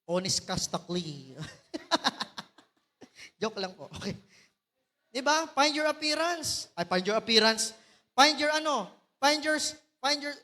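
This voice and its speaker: A man with a Filipino accent preaching a lively sermon as pastor, calling out to the congregation. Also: extremely high pitch. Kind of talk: Taglish sermon. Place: large church hall. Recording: long church reverb.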